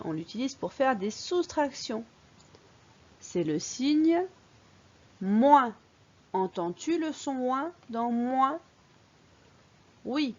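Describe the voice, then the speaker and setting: Slow sing-song woman teaching phonics. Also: a little high, dull audio. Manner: slow, clear, sing-song teacher voice, stressing key words. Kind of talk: early-reading phonics lesson.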